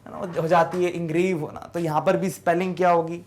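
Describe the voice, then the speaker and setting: A male teacher with a high voice walks students through spelling. He asks question after question and answers each one himself. He stretches words out slowly, syllable by syllable. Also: little pitch movement. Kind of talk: explaining English spelling in a class lesson.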